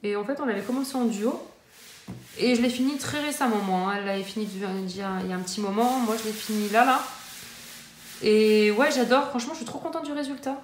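A woman's voice: a little high, quick pace. A woman in her thirties casually chatting about her coloring books, full of fillers and restarts. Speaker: coloring-book vlogger. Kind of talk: casual chat showing her book collection. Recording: echoey room with faint noise.

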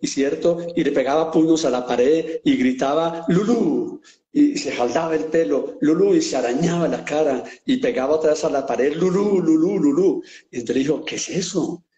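A man with a somewhat high but mellow voice spins out a joke at an easy pace, stopping and restarting as he goes. The room around him has a noticeable echo that rings after his words. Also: steady tone. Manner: unhurried, with false starts and acted shouts. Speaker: co-host telling a joke. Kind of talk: storytelling a joke in casual chat.

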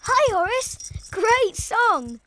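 An actor voicing a cheerful, helpful young cat in a preschool cartoon, asking clear, encouraging questions. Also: very high voice, sing-song, drawn-out words, pushed and bright, a little hiss or hum, full character voice. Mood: helpful, kind. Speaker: lead character addressing young viewers. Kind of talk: preschool animated show dialogue.

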